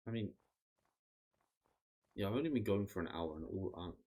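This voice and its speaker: A man streaming a game, chatting casually and rambling with frequent restarts, his voice tired and going hoarse. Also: low-pitched, expressive, moderate pace, mellow. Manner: rambling, self-interrupting, swears casually. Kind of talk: casual gameplay chat.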